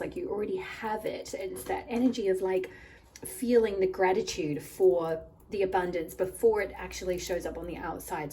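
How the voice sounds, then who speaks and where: A woman giving a casual pick-a-card tarot reading. Her voice is slightly croaky from a recent illness, and she talks in a rambling, reassuring way with lots of "like" and "I feel like". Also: lowish voice, a little mellow, recorded from a distance, slight background noise, rough recording.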